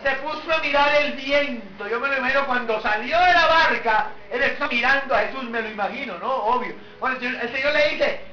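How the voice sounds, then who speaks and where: A man's voice: very high-pitched, a little fast, few pauses, noisy background. A man preaching a sermon, telling the story with animation and throwing rhetorical questions at the congregation. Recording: echoey hall, distant mic, dull lo-fi.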